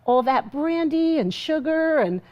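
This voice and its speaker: Chatty woman guest cook, high voice, upbeat and laughing, studio kitchen, lapel mic. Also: lively intonation, a little slow, lo-fi sound. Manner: bubbly, chatty, laughs often. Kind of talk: TV cooking segment.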